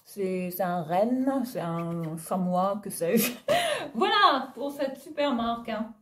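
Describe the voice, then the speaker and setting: A woman's voice: mid-range voice, expressive, slow pace. A woman from Réunion chatting at home to her followers about her clothes. She talks in a loose, friendly way, full of fillers and little laughs, and calls her viewers "les filles" over and over. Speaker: fashion vlogger. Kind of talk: casual haul video chat.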